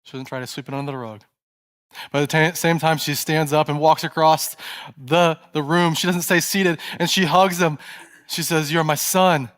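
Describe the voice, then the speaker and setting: With a fairly high, steady voice at normal speed, a male pastor delivers a sermon in a church, narrating a story. At its tense points he sinks into a soft, hushed delivery.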